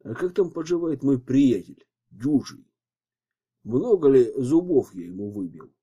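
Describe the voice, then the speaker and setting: A man voicing a calm, confident detective who speaks with dry irony. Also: mid-range voice, unhurried, breathy edge. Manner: calm, dryly ironic.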